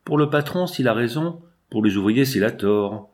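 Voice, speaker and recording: Timid, dreamy young man, hesitant and soft-spoken, read by a man; lively pitch. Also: normal speed, natural voice.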